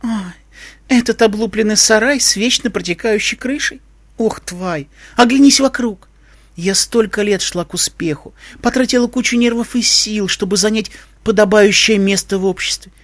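A man's voice: high voice, normal speed, fairly bright tone, dry recording, pitched above the performer's own voice. A man voicing a vain, glamorous female unicorn queen who speaks in a mincing, affected way. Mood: scornful.

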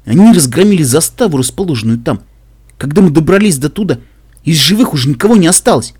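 A man's voice: a little high, animated, fast, a little mellow, husky, no echo, clean studio sound. A man voicing a brave, cheerful male pegasus caravan guard in an audiobook, speaking boldly and reassuringly. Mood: grim.

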